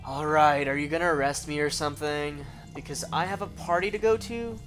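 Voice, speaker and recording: A man reading out a sarcastic young woman from a video game, in a flat, snarky way. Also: on the high side, brisk, faint music behind, close to an everyday voice.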